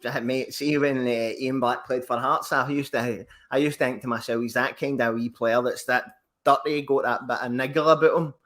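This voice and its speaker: Scottish man, podcast guest, jokey football banter, laughs often, mid pitch. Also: steady tone, moderate pace, fairly bright tone.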